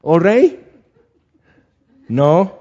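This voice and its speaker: A man's voice: on the high side, sing-song, drawn-out words, dark tone, pitched above the performer's own voice, heavily acted. A man voicing a sarcastic young David who mocks the king in a sing-song tone, in a dull lo-fi recording.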